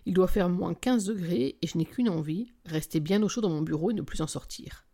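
A woman's voice: on the low side, brisk, vocal fry, mellow. A woman reading a romance novel in the first person, with wry, intimate storytelling that sometimes drops to a whisper. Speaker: audiobook narrator.

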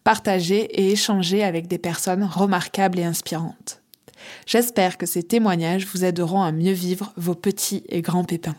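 A woman's voice: fairly low pitch, fairly even intonation, moderate pace, darkish tone. A French woman with a singsong southern accent, hosting a podcast, reading a scripted intro and then asking interview questions. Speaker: podcast host.

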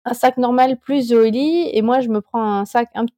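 Woman, thirties, podcast guest, hesitant and chatty, warm mellow tone, dry close sound. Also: fairly high pitch, normal speed, dry recording. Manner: hesitant, many fillers and restarts, laughs often. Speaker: podcast guest, rock climber. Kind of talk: casual interview chat.

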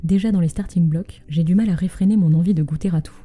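A woman with a very dark, mellow, fairly low voice tells a scripted story as a podcast host. She speaks close to the mic, as if right in your ear, with music playing softly behind her. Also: fast talker.

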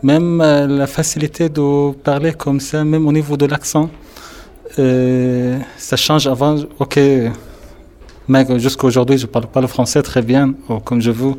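A man from Syria, a student, speaking haltingly in an interview and searching for words. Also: mid-range voice, level tone, darkish tone.

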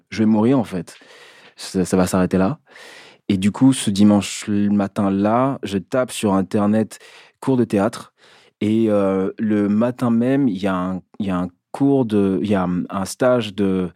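A man, an actor interviewed as a guest, recounting his path in a reflective way, pausing often to find his words. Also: fairly low pitch, warm tone, no echo, clean studio sound. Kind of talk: personal storytelling in an interview.

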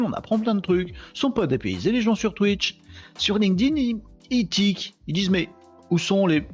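Male live-stream host, chatty and tired, husky voice, dull lo-fi sound. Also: medium pitch. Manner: chatty, animated, addresses viewers as friends. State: tired from insomnia. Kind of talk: casual live stream chat.

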